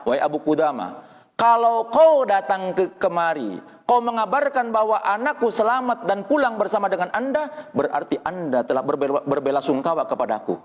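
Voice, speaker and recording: Man preaching a story in a reverberant hall. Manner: dramatic retelling with quoted dialogue, pitch rising and falling. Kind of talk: storytelling sermon. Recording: dull lo-fi audio with long hall reverb.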